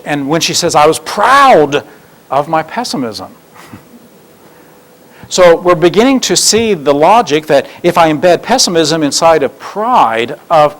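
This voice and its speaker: A man presents a seminar in a lively, expressive voice that rises and falls widely. He tells stories and acts out the people he quotes, and his voice sits a little high for a man. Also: moderate pace, poor audio. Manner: animated storyteller, acts out quotes. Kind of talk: teaching talk with acted examples.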